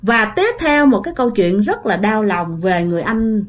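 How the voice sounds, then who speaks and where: With a medium-pitched, sing-song voice and a moderate pace, a woman shares a ghost story in an easygoing, chatty style. She talks right to her listeners and uses many filler words.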